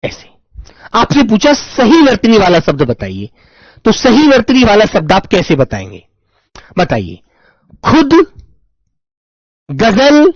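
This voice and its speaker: A fairly high-voiced male teacher leads an online lesson, stretching out each phrase as if dictating and repeating it several times over. His pitch rises and falls lively while he calls his students "my dear children". The recording is dry and slightly muffled. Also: no echo. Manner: slow, drawn-out dictation with many repetitions, addresses students as "my dear children". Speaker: Hindi teacher. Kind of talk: online exam-prep lesson.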